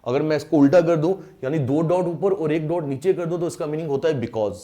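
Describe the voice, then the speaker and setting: A man teaching maths in an online lecture, his voice mellow and pitched a little high. He explains patiently, repeats the key points and draws out English terms when he stresses them. He keeps checking that his students follow along. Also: a little fast. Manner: mixes in English phrases, drawn out when stressed.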